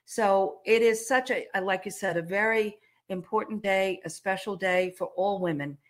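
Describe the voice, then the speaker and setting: A woman's voice: medium pitch, moderate pace. A woman in her seventies hosting an interview, talking in a chatty way with many fillers and restarts, and coughing now and then. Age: 70s. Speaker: host. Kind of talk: casual interview chat.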